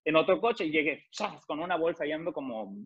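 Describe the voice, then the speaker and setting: Husky Mexican man telling a story. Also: a little high, animated, fairly quick. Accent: Mexican Spanish. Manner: emphatic, mixes in English phrases. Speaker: interview guest. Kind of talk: animated storytelling. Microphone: video call. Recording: muffled video-call audio.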